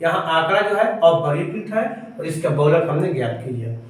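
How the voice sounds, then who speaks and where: A man teaches a math class, asking a question and answering it himself as he works through each step. His voice sits high and carries a strong echo, and he sounds some distance from the mic. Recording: echoey room, voice far from mic.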